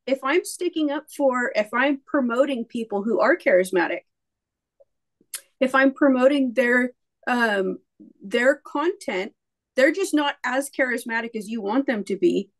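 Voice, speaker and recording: A woman's voice: a little high, expressive, unhurried. A woman co-hosting a casual theological discussion, talking conversationally with hesitant repeats. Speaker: podcast co-host.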